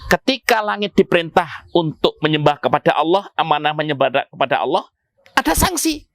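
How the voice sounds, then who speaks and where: A male preacher giving a storytelling sermon to a congregation, with wide swings in pitch for emphasis. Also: a little fast, a bit bright, no room sound.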